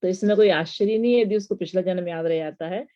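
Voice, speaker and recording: A woman's voice: lowish voice, fast talker, dark tone. Woman religious teacher, explanatory lecture voice with rhetorical questions, slightly dull lo-fi audio. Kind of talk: devotional lesson on mantras.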